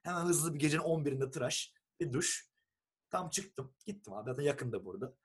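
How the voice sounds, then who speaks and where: A young man from Turkey, telling a long story in a casual, animated chat and acting out what people said. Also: a little high, fairly quick, slightly rough. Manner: animated storyteller who acts out quoted texts and swears casually.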